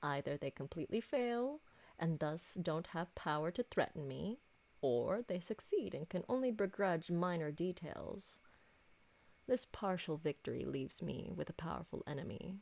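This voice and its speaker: Voicing a refined, possessive vampire noblewoman fussing over her servant in an ASMR roleplay drama, a woman speaks formally and deliberately. Her fairly low pitch carries lively intonation, vocal fry, and a darkish tone, and her mood is indignant.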